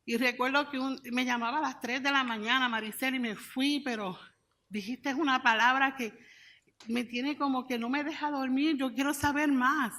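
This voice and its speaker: A woman's voice: high voice, fairly even intonation, normal speed, sharp tone. A woman missionary giving an earnest testimony in a church service, telling stories and acting out what others said. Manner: earnest storytelling, acts out quoted voices. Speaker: missionary speaker.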